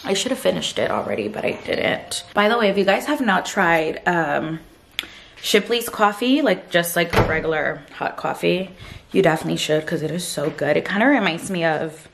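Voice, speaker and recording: Brief: young woman vlogger, low-ish gravelly voice, worn out after a night shift, chatty and rambling, handheld camera at home. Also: lively intonation, normal speed, a little hiss or hum. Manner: chatty, frequent "like" and "you guys". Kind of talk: casual vlog chat. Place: sitting on a couch at home. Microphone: handheld vlog camera.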